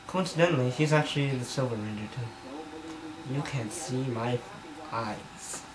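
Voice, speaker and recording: Reading fan fiction with comic dramatic flair, a man in his bedroom rambles, feels self-conscious and often stumbles over his words. He has a medium pitch and an unhurried delivery. The camera mic picks up an echoey room, background noise and crowd noise.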